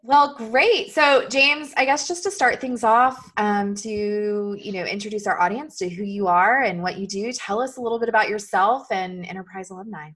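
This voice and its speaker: A woman's voice: mid-range voice, normal speed, hardly any pauses, fairly bright tone. A woman hosting a podcast, upbeat and laughing easily as she chats and interviews. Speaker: podcast host. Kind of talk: casual chat and interviewing.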